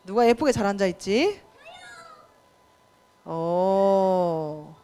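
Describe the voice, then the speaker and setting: A woman's voice: sits high, big pitch swings, normal speed, a little mellow. A young woman preacher giving a children's sermon in a church, talking to the kids with questions and quizzes. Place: church children's worship room.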